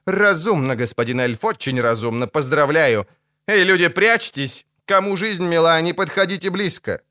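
A man's voice: on the high side, sharp tone, no echo, studio quality, voice pushed up. Man playing a gloomy, stern priest. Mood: grave. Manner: grave, measured warnings. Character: gloomy middle-aged male priest, stern.

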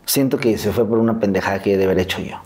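A man's voice: fairly low pitch, fast talker, a little mellow. A young man with a Mexican Spanish accent, telling the story of his childhood as an interview guest in candid, slangy speech with casual swearing.

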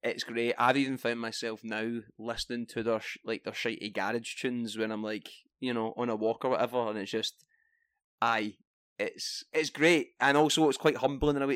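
A man's voice: medium pitch, no room sound. Laughing young Scottish man, dry sound. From Scotland. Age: young adult. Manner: animated storyteller, laughs often, swears casually. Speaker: podcast co-host. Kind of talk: casual chat.

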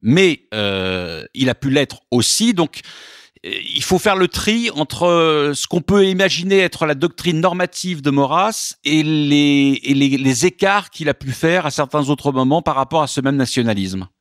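A man, a guest author in a radio interview, explaining at length in a measured way with frequent hesitations and repeated words. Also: on the high side, lively intonation, a bit bright, no room sound, studio quality.

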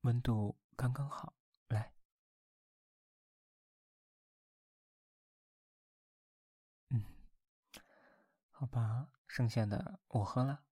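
A man's voice: medium pitch, mellow, husky, dry recording, clean studio sound. A man voicing a tender, teasing young boyfriend at bedtime in an ASMR role-play, murmuring intimately and coaxingly in binaural closeness to the listener's ear. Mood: gentle, caring. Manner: slow, coaxing, playful. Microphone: very close binaural microphone, dry.

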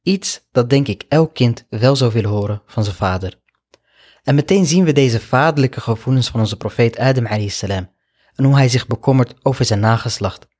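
A man with a slightly husky, breathy voice delivers a sermon as a story. He speaks in an earnest, reflective way and keeps a middle pitch, often adding Arabic honorifics as he goes. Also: expressive, normal speed, darkish tone. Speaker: Islamic preacher.

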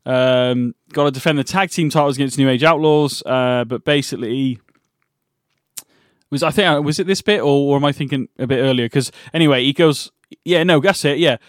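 A man's voice: mid-range voice, a little fast, no room sound. Man, casual podcast chat, hesitant, lots of ums, dry sound. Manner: hesitant, filler-heavy, laughs often. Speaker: podcast co-host.

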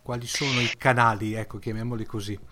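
A man's voice: medium pitch, steady tone, fast talker, pushed and bright. A man hosting a podcast, wrapping up an interview in a friendly, slightly hesitant way. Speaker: podcast host. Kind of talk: closing an interview chat.

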